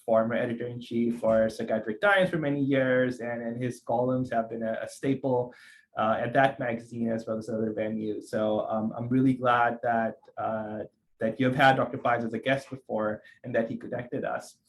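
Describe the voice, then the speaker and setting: A man's voice: medium pitch, steady tone, moderate pace, a little hiss or hum, low-quality recording. Thoughtful man from Pakistan, hesitant. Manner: thoughtful, many restarts and fillers. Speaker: psychiatrist guest. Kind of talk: conversational interview.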